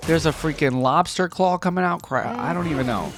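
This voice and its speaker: Speaking briskly in a fairly high voice, a young man acts as a reaction host, offering casual commentary, thinking out loud and cutting in with exclamations. Music and game audio play behind him in a noisy background.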